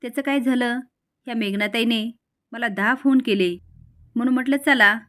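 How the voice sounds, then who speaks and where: A woman's voice: on the high side, moderate pace, fairly bright tone, lightly acted. Woman reading as a panicky scheming aunt. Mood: defensive. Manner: fretful, panicky muttering. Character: frightened scheming middle-aged woman, an aunt.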